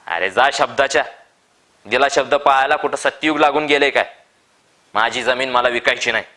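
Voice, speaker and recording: A man puts on a stubborn old farmer who will not give way. He shouts in a shaking, defiant voice, pitched a little above his own and raised in volume. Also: normal speed, natural voice.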